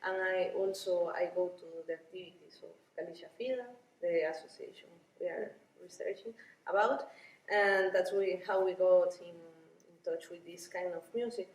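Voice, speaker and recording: A woman from Rica, a Spanish speaker, answering interview questions in a halting way with many restarts and small laughs. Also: lowish voice, fairly even intonation. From Costa Rica. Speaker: violinist and ethnomusicology researcher. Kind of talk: conference interview. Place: busy conference venue. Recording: roomy, distant, with busy crowd murmur.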